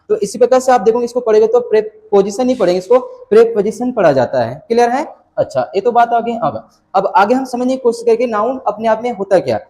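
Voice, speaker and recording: A man's voice: sits high, warm tone. A man gives an exam-prep grammar lesson. He explains step by step, mixes Hindi with English terms and keeps asking rhetorical questions. His speech is patient and explanatory.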